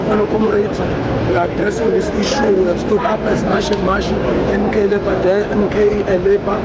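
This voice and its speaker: A man, an activist at an outdoor protest, declaiming slogans to his comrades. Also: high-pitched. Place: outdoors at an airport. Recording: loud crowd and traffic noise outdoors. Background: loud crowd and vehicles.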